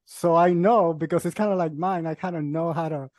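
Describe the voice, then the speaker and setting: A young man chats casually as a show host, laughing often and looping back over his words as he acts out what his kids said. His voice sits a little high, recorded close and dry. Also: steady tone, a little fast, darkish tone, dry recording. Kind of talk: casual chat.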